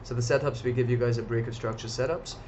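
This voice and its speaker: A man's voice: medium pitch, steady tone, fast talker, background noise. A man hosting a live stream and commenting on markets in a casual, chatty way, talking straight to his viewers. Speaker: trading stream host. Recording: slightly dull lo-fi audio.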